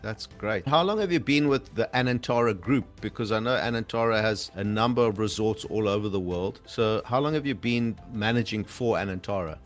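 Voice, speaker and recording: A man's voice: lowish voice, fairly quick, hardly any pauses, faint music behind. A man hosting a travel interview, asking questions in a friendly, chatty way. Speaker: podcast host.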